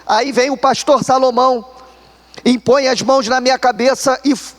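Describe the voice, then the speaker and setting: A Brazilian man preaching with a strikingly high voice for a man. He tells his story animatedly, speaking straight to the listeners as brothers. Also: fairly even intonation, normal speed, a bit bright. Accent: Brazilian Portuguese. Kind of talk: sermon testimony.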